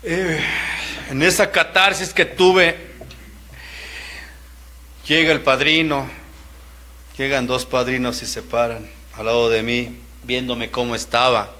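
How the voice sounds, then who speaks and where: A middle-aged man giving an emotional personal testimony, repeating words and breaking into shouts. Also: mid-range voice, steady tone, slow pace, pauses often.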